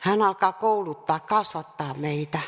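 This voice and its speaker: Woman preacher, gravelly mid-pitched voice, earnest sermon full of repeated questions, long hall reverb. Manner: earnest, repetitive rhetorical questions with pauses.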